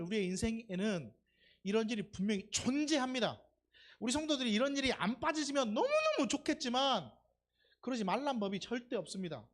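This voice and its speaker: A preacher giving a sermon in church during Sunday worship. The preacher talks conversationally, asks the congregation questions and acts out quoted dialogue. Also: mid-range voice.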